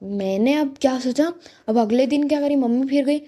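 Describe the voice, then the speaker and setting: A teenage girl from India performs a stand-up monologue, chatty and exasperated. Her voice sits high yet sounds mellow and soft. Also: moderate pace.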